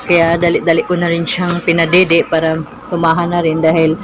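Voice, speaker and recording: A woman's voice: lowish voice, monotone, normal speed. A young woman narrating her home vlog as a mother, chatty and casual, often addressing her viewers as "guys". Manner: chatty, keeps saying "guys". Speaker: vlogger and mother. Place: home kitchen. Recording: noisy home recording.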